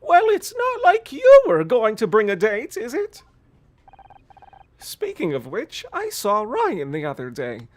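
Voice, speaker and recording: Old hag mother, acted by a game player, high-pitched, nagging, scolding, theatrical swings, video game dialogue. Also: wildly swooping pitch, unhurried. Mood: nagging, disapproving. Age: older.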